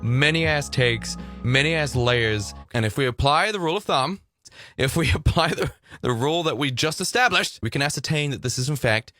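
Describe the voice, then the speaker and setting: A man talking casually to camera as a YouTuber, dramatic and theatrical, jumping between hushed asides and loud outbursts, recorded close on the mic. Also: mid-range voice, expressive, moderate pace, no echo, faint music behind. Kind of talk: casual video commentary.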